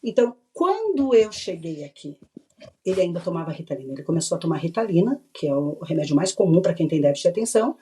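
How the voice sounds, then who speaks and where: A woman's voice: on the low side, fast talker. A middle-aged woman from Brazil, a podcast guest, telling a personal story in a casual interview and acting out what people said. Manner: animated, acts out remembered dialogue, laughs often.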